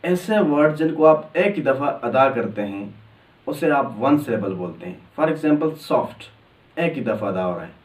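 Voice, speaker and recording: A man explaining English grammar step by step, drawing out example words slowly. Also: mid-range voice, expressive. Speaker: English teacher. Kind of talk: grammar lesson. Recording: echoey room, distant mic.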